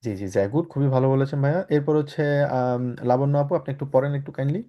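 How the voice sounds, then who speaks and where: A man's voice: mid-range voice, quick pace, muffled recording. A man teaching a German class to students, patiently explaining and often asking if everyone is following. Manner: patient, often checks in with "ঠিক আছে?"; mixes English words into his explanations. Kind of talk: online class lecture.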